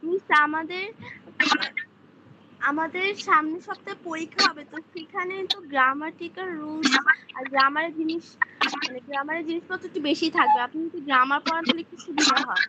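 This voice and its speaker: A woman's voice: high-pitched, steady tone, brisk. A female student, speaking up politely and a little hesitantly in an online class. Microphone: video call. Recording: dull, noisy video call.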